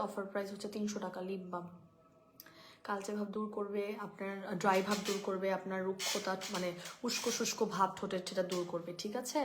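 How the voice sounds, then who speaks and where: A woman's voice: medium pitch, noisy background. A young woman hosting a live shopping stream on her phone, chatting through skincare prices and answering viewers. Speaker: online skincare seller.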